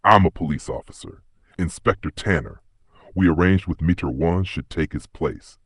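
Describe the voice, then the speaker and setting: A man plays a middle-aged police inspector who speaks in clipped, explosive bursts. The voice sits low with a husky edge, in a dry close recording. It is an audiobook mystery. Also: animated, normal speed, no echo. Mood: brisk.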